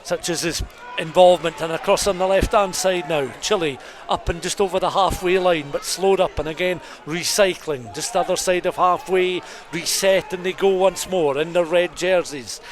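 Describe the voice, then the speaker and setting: At a rugby stadium, a man with a fairly high, evenly pitched voice calls the match live for radio at a normal pace. His play-by-play is detailed and descriptive, setting the scene while the stadium crowd roars behind the outdoor broadcast.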